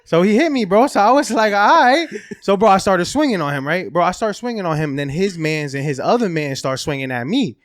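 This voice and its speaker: A man's voice: sits high, animated, fairly quick, hardly any pauses, no room sound. A man co-hosting a podcast, telling a rambling story in casual chat and leaning on "bro" and "right". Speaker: podcast co-host.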